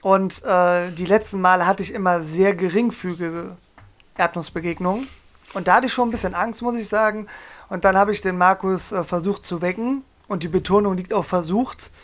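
Animated young man telling a story. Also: sits high, normal speed. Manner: animated storyteller, acts out quotes, laughs often. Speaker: podcast co-host. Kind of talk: casual storytelling chat.

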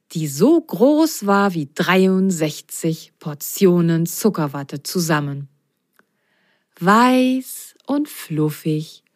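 A woman's voice: on the low side, no room sound. A woman reading a children's story aloud, taking her time over every line. Her voice rises and falls with lots of expression. The sound is close and dry. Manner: slow, expressive.

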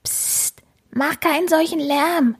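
A woman voicing a friendly, know-it-all female harbor rat in a children's story, with a brisk, reassuring manner. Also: high-pitched, big pitch swings, creaky, pitched above the performer's own voice, exaggerated voice. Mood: hushing.

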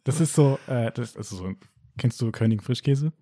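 A man's voice: medium pitch, expressive, fairly quick, warm tone, dry recording, studio quality. A young man from Germany chatting casually, telling things in a colloquial, loosely hedged way. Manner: colloquial, hedging storytelling. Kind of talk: casual chat.

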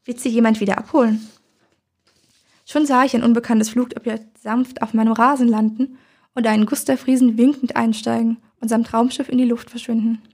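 A woman narrates a first-person story in a calm, measured way. Her voice is husky and mellow, with a gravelly edge to it. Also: a little high.

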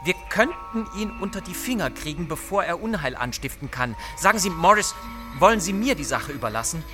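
A man's voice: medium pitch, moderate pace, music in the background, lightly acted. Man reading as a grim, scheming secret-society man. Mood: excited.

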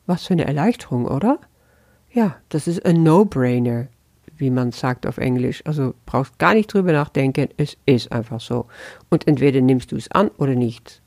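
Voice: medium pitch, lively intonation, moderate pace, mellow, no room sound. A spiritual teacher giving a conversational lesson commentary who often asks the listener questions.

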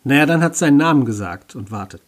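A man narrating a first-person story with wry, self-ironic humor and a husky voice. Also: medium pitch, expressive, fast.

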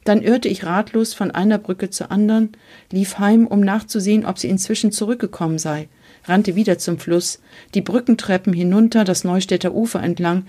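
A woman reading a memoir aloud in a measured, earnest storytelling manner. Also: medium pitch, dark tone. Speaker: reader.

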